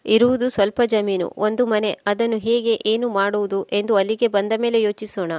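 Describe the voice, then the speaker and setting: A woman's voice: medium pitch, level tone, normal speed, darkish tone, no room sound, natural voice. A woman voicing a stubborn, ambitious young man set on leaving his village, arguing insistently and impatiently. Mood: matter-of-fact.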